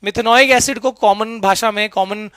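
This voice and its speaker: A middle-aged man teaching chemistry in a lively lecture, often checking in with "right?" and mixing English terms into his talk. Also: sits high, normal speed, clear, resonant tone, no room sound, clean studio sound. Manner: lively, keeps asking students "right?"; mixes English terms into Hindi. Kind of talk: explanatory classroom lecture.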